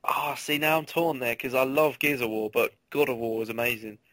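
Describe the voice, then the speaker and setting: A man's voice: mid-range voice, brisk, fairly bright tone. A man co-hosting a podcast, arguing his side playfully in casual banter. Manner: argumentative, playful. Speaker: podcast co-host.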